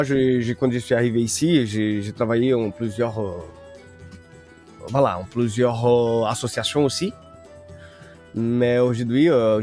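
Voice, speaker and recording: Appearing as a musician on a radio show, this native Portuguese speaker from northern Brazil talks haltingly, full of fillers and false starts, his voice mid-pitched and a touch mellow.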